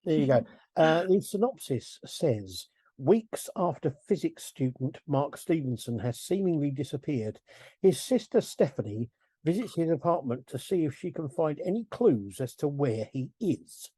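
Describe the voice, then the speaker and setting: A man's voice: fairly high pitch, big pitch swings, a little slow, mellow, breathy edge, no echo. A middle-aged man hosting a casual film review podcast, rambling, chuckling and correcting himself as he goes. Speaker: podcast host.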